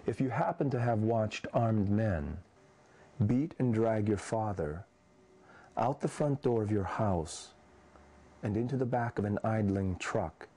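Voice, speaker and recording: Slow, gravelly-voiced poet in his fifties. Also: fairly low pitch, animated, dark tone. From Indonesia. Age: 50s. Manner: slow, measured, thoughtful. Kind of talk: poetry reading and personal account.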